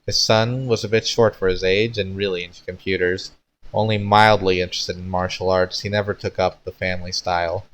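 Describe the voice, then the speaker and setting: Low-voiced man, hesitant streamer reading aloud. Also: poor audio. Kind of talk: casual livestream reading of own fanfiction.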